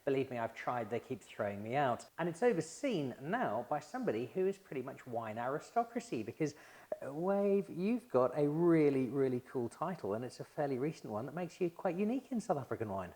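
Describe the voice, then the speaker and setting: A man's voice: medium pitch, very animated, brisk, dark tone. A man hosting a wine show, presenting and interviewing in a chatty, joking way. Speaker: host.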